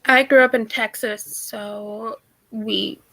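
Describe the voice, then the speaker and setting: Slow, gravelly-voiced woman cosplayer. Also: on the high side, fairly even intonation, a bit bright, no echo, rough recording. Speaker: cosplayer answering questions in character. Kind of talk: in-character livestream chat.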